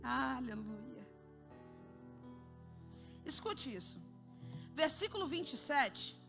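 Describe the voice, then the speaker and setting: A woman with a Brazilian Portuguese accent preaching a sermon at a church service, moving between hushed and emphatic delivery. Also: sits high, expressive, slow pace, vocal fry, over music.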